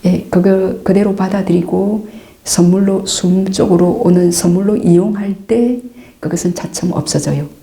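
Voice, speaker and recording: A middle-aged woman, a Buddhist nun, patiently answering meditation questions, calm and repetitive, sometimes dropping into soft asides. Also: mid-range voice, normal speed. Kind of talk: dharma Q&A teaching.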